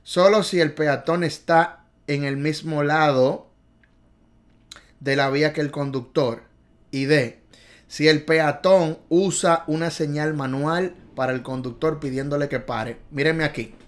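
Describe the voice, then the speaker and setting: A fairly high-voiced man leading a driving theory video lesson. He is exuberant and playful, drilling each point through repetition and calling out to his viewers. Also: fairly even intonation, unhurried. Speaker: driving test tutor.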